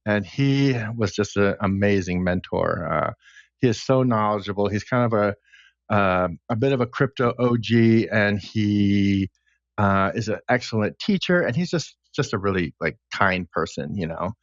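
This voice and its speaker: A man appears as a guest on a podcast, chatting casually and tracing his career path as a smart contract engineer step by step. His voice is fairly low and a little slow. The sound is lo-fi with no echo.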